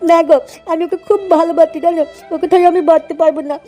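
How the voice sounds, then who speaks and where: A weepy, lovesick young cartoon man, played by a woman, whines about his troubles in crude slang. The voice sits high and mellow, and the words tumble out fast. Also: little pitch movement, soft background music. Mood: pleading. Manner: whining, pleading, crude slang. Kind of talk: cartoon voice acting.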